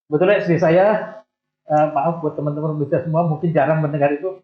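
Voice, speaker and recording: An older man in his sixties tells his life story in a loose, self-mocking way. His voice sits a little high for a man. It comes through thin and phone-like, with echo from the room. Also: fairly quick. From Indonesia. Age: 60s. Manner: relaxed storytelling with light self-deprecating jokes. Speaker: guest. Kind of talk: casual interview chat. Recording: echoey room, tinny phone-like sound.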